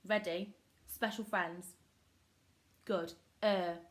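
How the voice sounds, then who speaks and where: A primary school teacher leads a children's phonics lesson, giving short prompts, modelling words syllable by syllable, and praising often. Her voice is lowish and steady, and she speaks extremely slowly.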